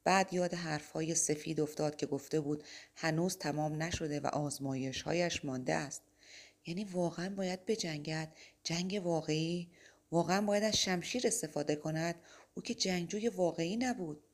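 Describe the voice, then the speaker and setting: A woman narrating a spiritual novel as an audiobook, reading in a steady, measured way. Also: sits low.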